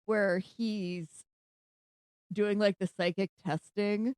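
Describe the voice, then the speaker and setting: A woman co-hosting a podcast in casual chat, laughing often and jumping in with quick interjections. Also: mid-range voice, steady tone, a little mellow, clear, resonant tone, no room sound, studio quality. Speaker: podcast co-host.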